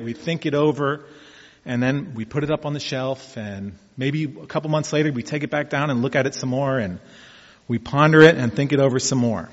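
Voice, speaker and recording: A man's voice: medium pitch, a bit bright. A man in his fifties talking casually about taking up marathon running, telling his story in a folksy, reflective way. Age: 50s. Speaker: amateur marathon runner. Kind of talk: casual personal vlog talk. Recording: dull echoey room sound.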